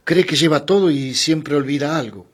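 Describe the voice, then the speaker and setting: A man reading a timid, nervous young woman on a bus, speaking softly and hesitantly. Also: fairly high pitch, moderate pace, husky, pitched above the performer's own voice. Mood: timid, uneasy. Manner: soft, hesitant, apologetic.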